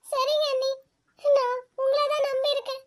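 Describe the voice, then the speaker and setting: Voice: extremely high pitch, level tone, moderate pace. ஒரு குரல் நடிகர் மனம் புண்பட்ட இளம் தங்கையாக, சிணுங்கும் தொனியில் பேசுகிறார். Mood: pleading. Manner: whining, wounded. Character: hurt young married sister, tearful and demanding.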